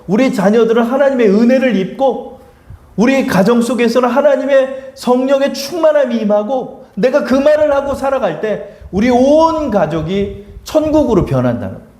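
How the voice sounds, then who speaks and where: A middle-aged man preaching a sermon as pastor, telling stories and acting out the people he quotes. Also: extremely high pitch. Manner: animated storytelling, acting out quoted voices. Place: church sanctuary. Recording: echoey church room.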